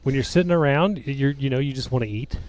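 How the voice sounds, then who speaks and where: A man calling play-by-play at a high school basketball game, chatty and joking, a little out of breath. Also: quick pace, a little mellow. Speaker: play-by-play commentator. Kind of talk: basketball commentary. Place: school gym.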